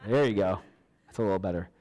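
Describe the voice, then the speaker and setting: A man hosting a church trivia night, reading questions slowly, counting down and laughing at himself. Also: on the high side, darkish tone, clear, resonant tone. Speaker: trivia host. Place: church hall. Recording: large hall with long reverb.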